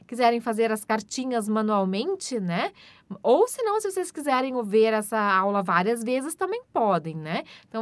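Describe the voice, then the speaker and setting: A woman from Brazil teaching German online, saying model sentences slowly and loudly, then explaining them in a chatty way. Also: on the high side, dry recording. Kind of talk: online language lesson.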